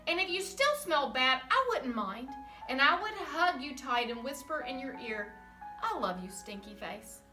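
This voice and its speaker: A woman voicing a loving, patient storybook mother who answers calmly and reassuringly. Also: high voice, unhurried, echoey room, far from the mic, music in the background. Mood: loving, soothing. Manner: warm and reassuring.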